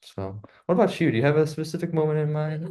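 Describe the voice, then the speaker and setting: A young man, a student co-host in casual talk, relaxed and full of fillers. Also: on the high side, fast talker. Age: young adult. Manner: relaxed, many fillers like 'um' and 'you know'. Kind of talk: casual podcast conversation.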